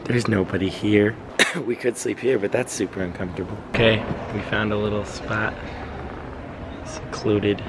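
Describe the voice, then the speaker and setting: A man's voice: lowish voice, fairly even intonation, moderate pace. A man vlogging on a handheld camera at an airport at night, tired and joking. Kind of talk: casual vlog narration. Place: airport at night, then home with pets. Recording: noisy handheld camera audio.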